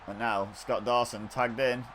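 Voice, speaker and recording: A man calling wrestling video game action play-by-play in a chatty, excitable way, often correcting himself. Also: mid-range voice, a little slow, noisy background. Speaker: gaming video host. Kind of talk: play-by-play commentary over video game footage.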